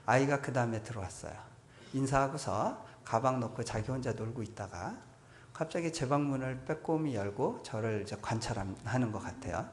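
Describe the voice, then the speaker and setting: A man at a middle pitch gives a storytelling sermon as a visiting missionary at a church revival. He talks to the congregation in a conversational way, dropping in frequent affirming interjections. In reflective passages he sinks to a soft, hushed voice. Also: a little hiss or hum. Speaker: guest preacher, missionary. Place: church sanctuary at a revival meeting.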